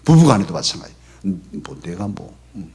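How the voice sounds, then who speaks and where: Male pastor, husky, conversational sermon delivery, church setting. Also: big pitch swings, fairly quick. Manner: conversational preaching, often drops to a soft low voice for quoted lines. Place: church sanctuary.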